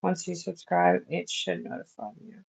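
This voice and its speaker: A woman livestreams while doing nail art, chatting casually in a rambling, easygoing way full of fillers as she works. Her voice is lowish and a little mellow, with vocal fry and a breathy edge, at a normal speed, and the audio is poor.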